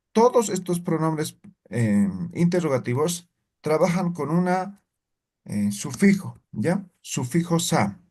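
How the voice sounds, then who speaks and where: Upbeat-pitched male teacher, patient. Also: a little mellow. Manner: checks in often with short tag questions; patient, step-by-step explaining. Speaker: language teacher. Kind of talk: classroom lesson.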